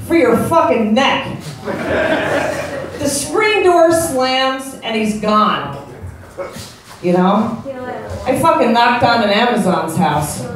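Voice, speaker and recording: A woman's voice: fairly high pitch, big pitch swings, takes it slowly, crowd noise. Brash American woman doing stand-up, very echoey. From upstate New York, United States. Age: 40s. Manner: brash, profane, conversational. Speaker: stand-up comedian. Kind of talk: live stand-up comedy. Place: indoor comedy show with live audience. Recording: echoey, noisy club recording from far off.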